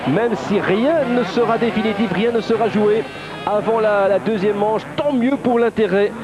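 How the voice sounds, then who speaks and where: A man with a high-pitched voice gives live motorsport race commentary at a moderate pace, his phrasing hesitant as he repeats positions and names. The broadcast audio sounds dull, with crowd and engine noise underneath.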